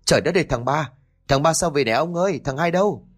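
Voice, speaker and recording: A man voicing an older mother who cries out in a raised, shrill voice. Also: expressive, a little fast, husky. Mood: alarmed. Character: frantic grieving older mother.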